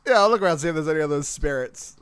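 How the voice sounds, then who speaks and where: Slightly high-pitched male tabletop player. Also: expressive, racing, fairly bright tone, clear, resonant tone. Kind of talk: casual tabletop game chat.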